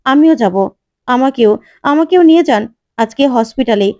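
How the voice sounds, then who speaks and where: A woman's voice: sits high, lively intonation, moderate pace, dark tone, no room sound. Woman doing a frantic young bride. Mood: insistent. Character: stubborn young bride desperate to wed.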